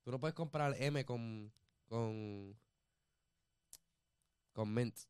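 A man's voice: mid-range voice, very slow, a little mellow, smooth, dry recording, clean studio sound. A man co-hosting a casual podcast chat, tossing English words into his Spanish as he jokes about dating. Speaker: podcast host. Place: Miami.

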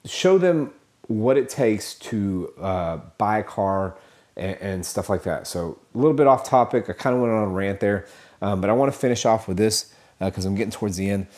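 A man's voice: lowish voice, animated, normal speed, a little mellow. Rambling man hosting a sales podcast. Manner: rambling, filler-heavy, self-correcting; motivational, addresses listeners as guys. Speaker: podcast host; car sales trainer. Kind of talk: casual podcast monologue.

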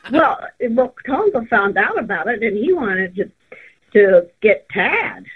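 Older woman, on speakerphone, tinny phone line, breathy, lively pitch, hesitant. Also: measured pace. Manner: hesitant, searching for words. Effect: on speakerphone over a phone line. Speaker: caller.

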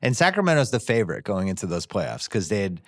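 A man's voice: lowish voice, fast, no room sound. Dry-sounding man riffing on old games. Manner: conversational, animated storytelling with wry asides. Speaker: podcast host. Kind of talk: casual sports chat.

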